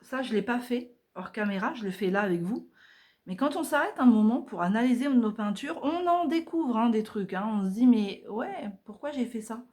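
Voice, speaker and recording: A woman's voice: on the high side, expressive, normal speed, darkish tone. A woman vlogger talking casually through her art journal pages at home, chatty and hesitant, with many fillers.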